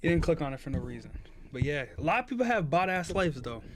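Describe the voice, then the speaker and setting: A man's voice: a little high, big pitch swings, fast, a crowd in the background. Young man, earnest streamer pep talk. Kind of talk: casual live-stream chat.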